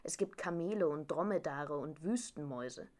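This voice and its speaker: A woman's voice: deep voice, normal speed, darkish tone, voice pushed down, lightly acted. Eager curious king from the desert read by a woman, full of wonder, storybook style. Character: curious, eager young king from hot lands. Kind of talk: storybook reading.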